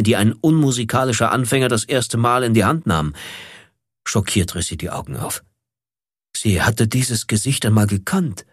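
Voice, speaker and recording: A man narrating a novel chapter in an expressive, dramatic audiobook style. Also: medium pitch, no room sound, clean studio sound. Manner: dramatic, varied delivery.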